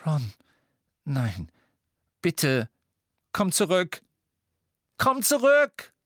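A man's voice: high voice, sing-song, measured pace, no room sound, studio quality, voice pushed up, full character voice. A man voicing an earnest, upset teenage girl who pleads anxiously in a read-aloud story. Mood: desperate.

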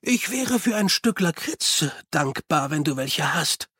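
A narrator doing a sly old monk. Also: male voice, a little high, lively intonation, unhurried, sharp tone, breathy edge, no room sound, studio quality, exaggerated voice. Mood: wry.

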